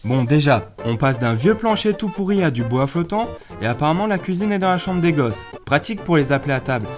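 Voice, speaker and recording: A man with a slightly high, animated voice gives sarcastic comic commentary. He moves quickly, with music clearly playing behind.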